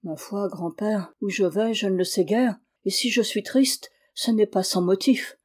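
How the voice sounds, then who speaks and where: A woman's voice: medium pitch, unhurried, close to an everyday voice. A woman reading aloud and voicing a humble young shepherd who answers earnestly.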